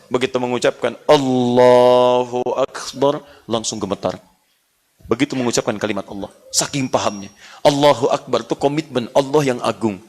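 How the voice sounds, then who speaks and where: Animated high-pitched male preacher. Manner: animated, swings from hushed earnest to loud playful. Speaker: Islamic preacher. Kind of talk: lively religious lecture.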